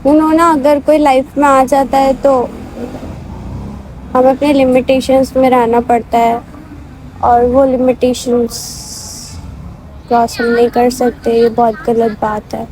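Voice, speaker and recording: A woman's voice: sits high, level tone, slow, pauses often, a little mellow, a little hiss or hum, rough recording. A young woman talking a man as she vlogs, pleading and soothing, mixing into her speech and repeating herself often. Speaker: vlogger. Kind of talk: emotional staged vlog conversation.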